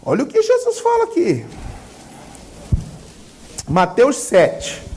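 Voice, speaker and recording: A Brazilian woman preaching a sermon who keeps asking the congregation questions and pausing for their answers. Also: a little high, wildly swooping pitch, mellow, a little hiss or hum. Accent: Brazilian Portuguese. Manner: asks the congregation rhetorical questions and leaves gaps for them to answer; fervent and emphatic.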